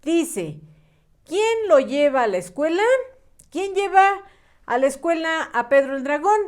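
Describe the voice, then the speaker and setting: A woman teaching young children to read and write, patient and clear, drawing out her words in a sing-song way. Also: high voice, big pitch swings, unhurried. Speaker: primary school teacher. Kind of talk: slow, clear early-reading lesson for small children.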